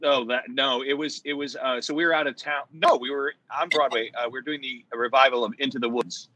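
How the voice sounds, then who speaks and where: A man's voice: medium pitch, fairly even intonation, a little fast, bright, forceful tone, a little hiss or hum, rough recording. A man, a Broadway actor, telling a backstage story in a rambling way, full of fillers and self-corrections. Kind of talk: casual chat.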